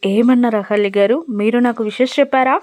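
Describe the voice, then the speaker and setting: A woman's voice: fairly high pitch, steady tone, fairly quick, a little mellow, no room sound, close to an everyday voice. A woman reading as a pleading young husband. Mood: pleading, eager. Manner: coaxing, begging tone.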